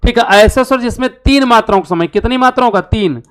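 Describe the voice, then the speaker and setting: Male language tutor, exam-prep lecture, smooth clear voice, asks and answers his own questions. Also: very high voice, quick pace, a bit bright. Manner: repeats key terms for emphasis. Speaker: Hindi teacher.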